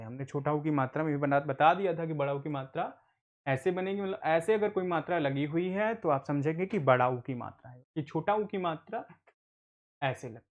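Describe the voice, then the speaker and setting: A man's voice: on the high side, highs cut off. Patient man teaching reading. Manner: patient, repetitive, asks and answers own questions. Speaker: adult literacy teacher. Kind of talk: online Hindi reading lesson.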